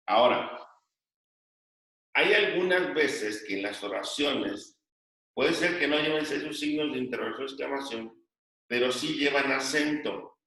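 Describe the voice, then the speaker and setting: A man's voice: medium pitch, measured pace, pushed and bright. A male teacher explaining a grammar point to his class and dictating notes, often repeating phrases. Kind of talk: classroom lesson. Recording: echoey room, voice from a distance.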